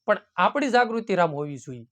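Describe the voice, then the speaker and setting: A man's voice: high voice, very animated, a little fast, fairly bright tone. A man preaching a devotional sermon in a folksy way, often calling his listeners "bapu" and quoting hymn verses. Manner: folksy, keeps addressing listeners as "bapu" and "ram". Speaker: satsang preacher.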